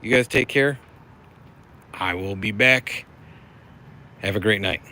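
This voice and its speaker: A middle-aged American man hosts a casual livestream, rambling amiably and reading chat messages aloud. His voice is lowish and sharp in tone, and he speaks slowly.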